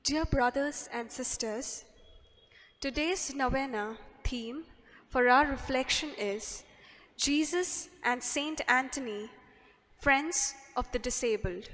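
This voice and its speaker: Slow high-voiced woman reading at a pulpit microphone. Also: fairly bright tone. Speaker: Mass commentator. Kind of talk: reading a liturgical introduction. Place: large church. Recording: echoey church with long reverb.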